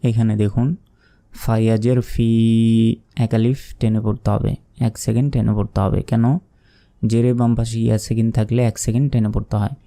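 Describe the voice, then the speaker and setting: A man gives a step-by-step Quran reading lesson, patiently and methodically spelling out letters and vowel marks. Between plain explanations he chants verses in a slow, drawn-out way. His voice is lowish, level, creaky and mellow.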